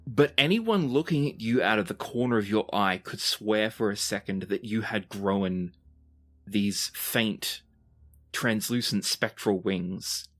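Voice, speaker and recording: In a medium-pitched voice, this game master runs a tabletop roleplaying session, painting scenes in dramatic, descriptive language and pacing each line with deliberate timing.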